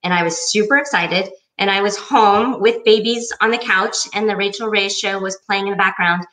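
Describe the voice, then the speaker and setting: Bright-voiced woman telling her story. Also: medium pitch, normal speed, echoey room, recorded from a distance, low-quality recording. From United States. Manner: chatty and enthusiastic, acts out quoted voices. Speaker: cookbook author. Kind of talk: personal storytelling talk.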